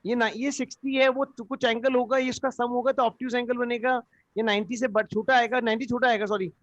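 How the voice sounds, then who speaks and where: A man's voice: extremely high pitch, level tone, fairly quick, a bit bright, dry recording. A man teaching a live geometry class, coaxing students with repeated questions. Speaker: math teacher. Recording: dull lo-fi online class audio.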